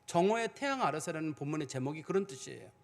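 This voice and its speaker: A man's voice: a little high, animated, quick pace, creaky. A male pastor preaching a sermon in a conversational way, acting out the prayers he quotes.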